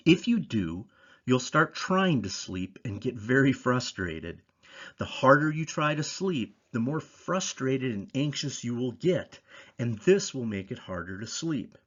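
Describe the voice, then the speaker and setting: A man reading scripted educational material in a measured, didactic way, stressing key points like a presenter. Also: medium pitch, sing-song, fairly bright tone, muffled recording. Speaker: presenter of a sleep education series. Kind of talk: scripted instructional narration.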